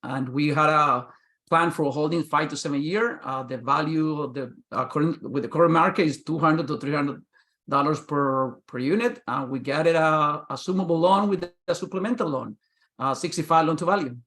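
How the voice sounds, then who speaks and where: Man, halting delivery. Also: a little high, fairly bright tone. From Nicaragua. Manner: halting, with pauses and fillers. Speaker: guest investor.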